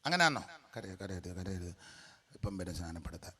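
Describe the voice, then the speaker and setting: A man preaching a sermon as a pastor, animated and mocking, sometimes breaking into song. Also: low voice, brisk, breathy edge.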